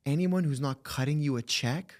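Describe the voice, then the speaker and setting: A young man with a slight lisp, talking casually and profanely as a podcast guest, often acting out what others said. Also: a little high. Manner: animated, profane, quick to act out quotes. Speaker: podcast guest, agency co-founder. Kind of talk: casual interview talk.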